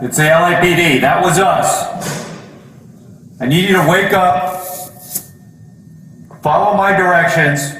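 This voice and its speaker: A male police officer slowly calling orders to a suspect to come out and surrender. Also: on the high side, a bit bright, a little hiss or hum. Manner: commanding, slow, repetitive orders. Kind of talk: loudspeaker commands to a suspect. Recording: echoey and distant.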